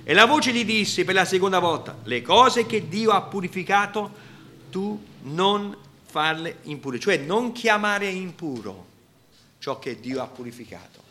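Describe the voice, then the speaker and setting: A man preaching a sermon, emphatic, swinging between loud exclamations and quiet, low asides. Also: expressive, measured pace, slight background noise.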